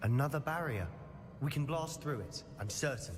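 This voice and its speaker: A man's voice: mid-range voice, expressive, moderate pace, background noise, close to an everyday voice. A man playing a wry student wizard companion. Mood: confident. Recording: game audio with long reverb and music.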